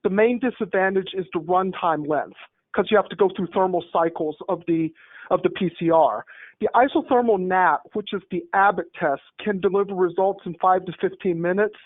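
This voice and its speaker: A medical presenter joining a town hall over a group call line, explaining testing step by step in a methodical way. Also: mid-range voice. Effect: heard over a group call line. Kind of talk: technical slide presentation. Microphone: remote call connection. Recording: tinny phone-like call audio, dry.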